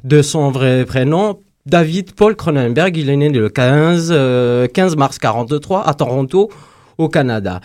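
A man reads a factual column on the radio, stopping often on fillers. His voice is slightly high for a man. He keeps a plain, informative tone. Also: animated, darkish tone. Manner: reads facts with halting fillers. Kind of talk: read-out radio chronicle.

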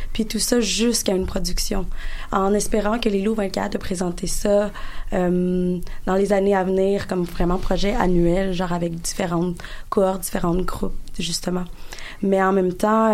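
Flat-intoned Quebec woman, casual. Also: medium pitch. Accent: Quebec French. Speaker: interview guest, stage artist. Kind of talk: casual chat.

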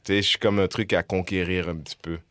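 A man's voice: low-pitched, fast, no room sound, studio quality. A young man with a Quebec French accent chatting casually as a comedian guest, switching between French and English. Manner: code-switching, laughing, animated storytelling. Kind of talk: casual podcast chat.

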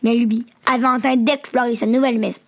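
A woman reading a bedtime story to children in a gentle, expressive way. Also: fairly high pitch, fast.

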